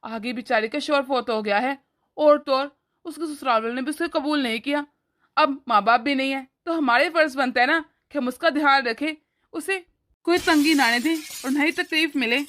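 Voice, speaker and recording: A woman voicing a caring, protective older brother in an animated family story, firm and scolding yet affectionate. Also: sits high, moderate pace. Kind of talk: animated cartoon voice acting.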